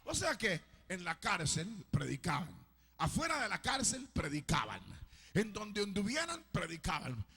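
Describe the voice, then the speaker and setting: A Salvadoran pastor preaching a fiery sermon in a very high, husky voice that climbs and falls across a lively range. His tone is sharp and bright, and he keeps bursting into shouts. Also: measured pace. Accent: Salvadoran Spanish. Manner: preaching with frequent shouted outbursts.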